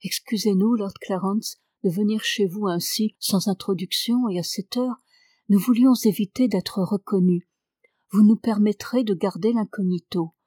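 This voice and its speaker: A woman's voice: medium pitch, normal speed, mellow, no room sound, studio quality, close to an everyday voice. A woman reading the lines of an older gray-haired lady who pleads urgently. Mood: anxious.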